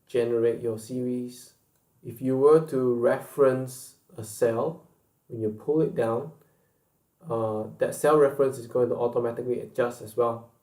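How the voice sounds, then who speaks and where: A man giving a screen-recorded software tutorial, explaining step by step in a slow, patient way and repeating key points. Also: mid-range voice, reverberant. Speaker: instructor.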